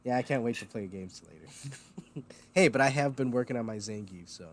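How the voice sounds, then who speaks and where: A man hosts a casual livestream chat, rambling through lots of ums and uhs while feeling a bit loopy and foggy, and laughing at himself. His voice is medium-pitched and a little fast.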